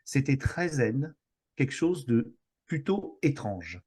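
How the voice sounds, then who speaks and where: A man's voice: medium pitch, big pitch swings, slow pace, darkish tone, husky. A man from France, a guest on a podcast, talking enthusiastically but hesitantly, with many fillers and restarts. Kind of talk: casual podcast chat.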